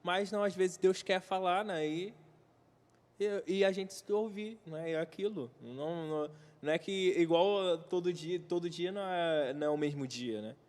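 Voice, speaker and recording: Hesitant man with a slightly high voice. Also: moderate pace, darkish tone. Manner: hesitant, many fillers and restarts. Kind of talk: casual church chat. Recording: long hall reverb.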